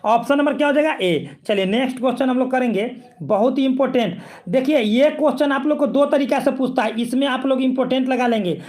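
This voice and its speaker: A man's voice: very high-pitched, fast talker, darkish tone. A male physics teacher, coaching students for exams. He repeats himself and keeps asking whether they follow. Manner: repetitive, coaxing, keeps checking students follow. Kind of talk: exam-prep lesson.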